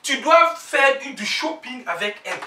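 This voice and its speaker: Casting: man as an exasperated boyfriend, bright lively voice, roomy and distant. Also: very high voice, normal speed, a little hiss or hum, full character voice. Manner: emphatic, complaining, building up. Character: exasperated young man complaining about his girlfriend.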